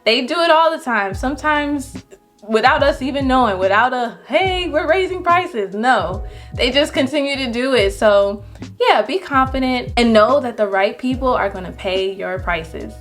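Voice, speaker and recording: A young adult woman photographer giving casual, encouraging business advice to viewers, with lively jumps in pitch when she stresses a point. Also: normal speed, faint music behind. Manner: chatty and encouraging, animated pitch jumps on emphasis.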